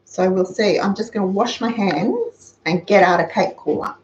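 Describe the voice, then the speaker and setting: Demonstrating a dish in her home kitchen, an older woman with an Australian accent chats along and shares practical tips for spending less, as host of a frugal cooking channel. Her voice is mid-range and darkish at a normal speed, with slight background noise, recorded by a fixed camera across the counter in roomy, dull lo-fi quality.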